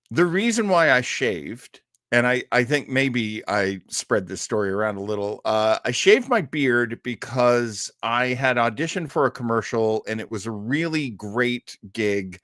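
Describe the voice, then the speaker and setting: An actor hosts a casual livestream, chatting with viewers in a jokey way and chuckling often. His voice is medium in pitch with a fairly bright tone, captured as clean studio sound with no room ambience.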